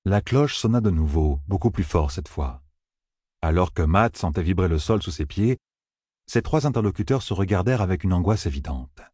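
A man reading a fantasy novel aloud as narrator, in steady, expressive storytelling. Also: deep voice, normal speed, husky, no echo, clean studio sound. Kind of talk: audiobook reading.

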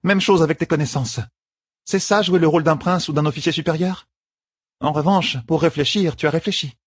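A man's voice: on the high side, brisk, slightly rough, dry recording, pitched above the performer's own voice. Elaine, a man voicing a wry young queen. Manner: dry teasing, composed. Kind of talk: audiobook character voice.

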